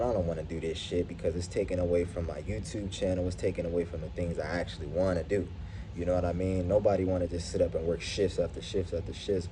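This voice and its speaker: A man's voice: sits low, warm tone, a little hiss or hum. A man giving a casual, earnest motivational vlog through a face mask, slightly muffled, in slangy, profane speech addressed straight to viewers. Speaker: YouTube vlogger. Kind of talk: casual motivational monologue to camera. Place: at his workplace.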